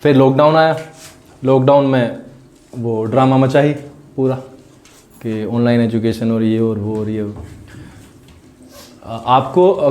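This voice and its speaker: A man's voice: medium pitch, warm tone. A man, a teacher, speaking reflectively and hesitantly at a small celebration, with many fillers. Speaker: teacher, channel founder.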